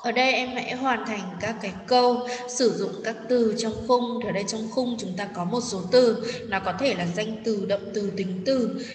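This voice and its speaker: Fairly high-voiced woman teacher, echoey room. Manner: patient, explanatory, with frequent hesitation fillers and check-in questions. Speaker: English teacher. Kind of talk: explaining a textbook exercise to students. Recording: echoey room, mic far off, faint noise.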